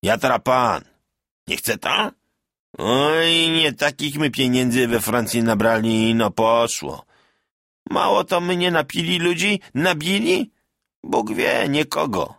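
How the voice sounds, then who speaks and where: A man's voice: mid-range voice, slow pace, gravelly, a bit bright, no echo, studio quality, voice pushed up. A man voicing a drunk, boastful old peasant soldier who talks in rustic dialect with a swagger. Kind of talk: audiobook character voice.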